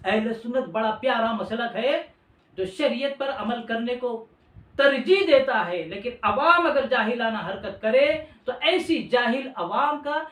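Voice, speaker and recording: A man's voice: extremely high pitch, expressive, measured pace, fairly bright tone. A male preacher delivering a fiery sermon, firing off rhetorical questions and coming back again and again to the same refrain. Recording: echoey room, mic at a distance.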